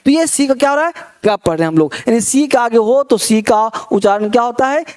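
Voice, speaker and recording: A man from India giving an English pronunciation lesson. He drills word lists slowly and deliberately, explaining each rule in plain teacher's talk. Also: extremely high pitch, expressive, a little mellow. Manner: slow, drawn-out word-by-word drilling.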